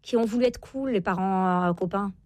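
A parenting expert and author in her forties appears as an interview guest, explaining and giving advice emphatically and repeating key phrases to insist on them. Her voice is medium-pitched at normal speed, with no room sound.

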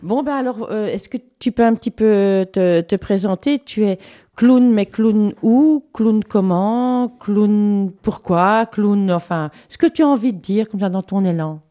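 Radio host, woman, warm mellow tone, informal, restarts her questions. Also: mid-range voice, measured pace. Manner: casual, stumbling, repeats words while framing questions. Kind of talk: radio interview.

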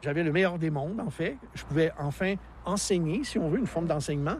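Speaking quite quickly with lively intonation, this man's slightly high, somewhat mellow voice belongs to a Québécois park naturalist in his sixties. He's being interviewed on radio outdoors, explaining the mountain landscape like an enthusiastic teacher who laughs easily. There's slight background noise.

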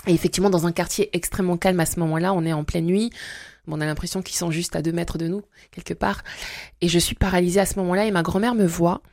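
Low-voiced woman giving hesitant testimony. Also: steady tone, a little mellow, no echo, clean studio sound. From Congo-Brazzaville. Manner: hesitant, many pauses and fillers. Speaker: interview guest. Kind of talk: personal faith testimony.

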